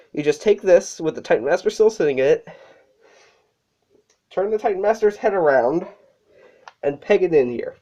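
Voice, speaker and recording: Here a relaxed, mellow toy reviewer with a medium-pitched voice chats casually despite being sick and slightly out of breath. The talk is full of fillers and self-corrections, heard through a dull, lo-fi recording.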